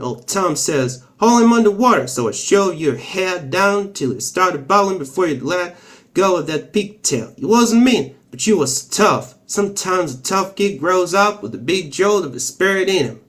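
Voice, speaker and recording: A man's voice: high-pitched, animated, moderate pace, a bit bright. A man voicing a plainspoken rural farm man from a novel, in a folksy, practiced Oklahoma accent. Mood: reminiscing.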